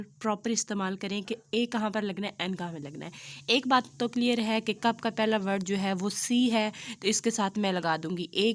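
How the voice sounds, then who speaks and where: A woman, teaching English grammar in a patient, step-by-step lesson and often checking that students follow. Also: medium pitch. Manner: patient, repeats "theek hai" to check understanding; spells out English examples slowly and deliberately. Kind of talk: classroom lesson explaining articles.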